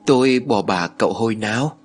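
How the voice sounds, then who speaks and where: A man voicing an earnest young wife who pleads and frets, as an audiobook narrator with a husky voice. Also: fairly low pitch, a little fast, soft background music. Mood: indignant.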